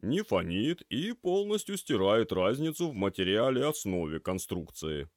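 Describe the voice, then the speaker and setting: A man voicing a gruff, calm male shop owner who speaks in a matter-of-fact way. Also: lowish voice, normal speed, no room sound, clean studio sound, voice pushed up.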